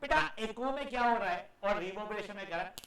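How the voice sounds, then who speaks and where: A male teacher delivers a live classroom lecture in a demonstrative style, acting out echoes for his students, calling them "beta," and occasionally scolding them loudly. His voice sits high and he speaks at a quick pace.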